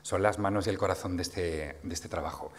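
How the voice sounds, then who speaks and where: A man's voice: sits low, fairly quick. A man with a Castilian Spanish accent giving an acceptance speech as a newspaper editor. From Spain.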